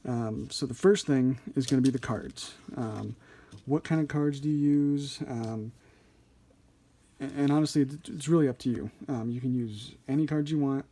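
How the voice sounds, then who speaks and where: Male tutorial host, soft-edged mellow tone, mid-range pitch, informal and thinking aloud. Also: moderate pace. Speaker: card trick instructor. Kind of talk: casual hands-on tutorial.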